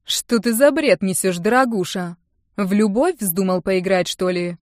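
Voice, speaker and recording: A woman's voice: medium pitch, a little slow, a little mellow, dry recording, studio quality, natural voice. A woman reading an audiobook, voicing a domineering wealthy middle-aged mother who talks with sarcasm and scorn. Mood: scornful. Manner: sarcastic, venomous, raising her voice.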